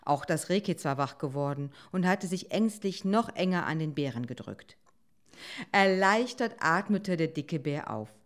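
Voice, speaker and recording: A woman calmly reading a children's animal story aloud as narrator. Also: sits low, a little slow.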